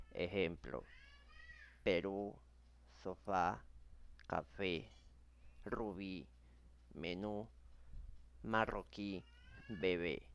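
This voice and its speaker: A man, teaching a recorded grammar lesson and reading out word lists slowly and carefully. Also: sits low, vocal fry. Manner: slow, measured dictation of word lists.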